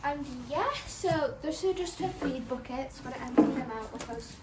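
A woman's voice: sits high, lively intonation, moderate pace. A young woman giving a casual tour of a horse barn, chatty and rambling, filmed on a phone. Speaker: vlogger showing her barn. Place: outdoor horse barn and stables. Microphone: phone camera held nearby. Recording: phone video with background noise.

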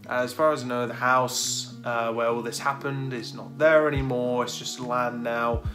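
A man's voice: medium pitch, fairly even intonation, normal speed. A man in his thirties talking casually and hesitantly to camera as a paranormal video host. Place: dark room indoors. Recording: music behind the voice. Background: guitar music.

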